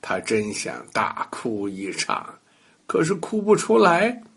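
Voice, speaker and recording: An older man narrating a bedtime story for children, talking lively and speaking directly to the young listeners. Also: medium pitch, slow pace, creaky, slightly rough.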